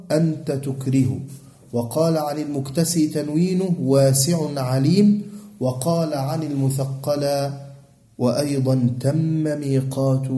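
A man with an Egyptian accent teaching Quran recitation rules to a class, quizzing students with fill-in questions and chanting quoted verse lines slowly. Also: fairly high pitch, mellow, reverberant. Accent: Egyptian Arabic.

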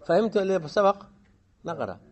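A man teaching a grammar lesson, often pausing to quiz his students and repeating key phrases. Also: high voice, big pitch swings. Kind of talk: classroom lesson explaining a grammar poem.

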